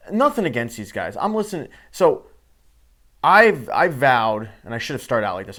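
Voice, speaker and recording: A man's voice: mid-range voice, fairly bright tone. A man giving a heated, sarcastic sports rant to camera, swearing freely. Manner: fired-up, sarcastic, profane. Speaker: sports commentator.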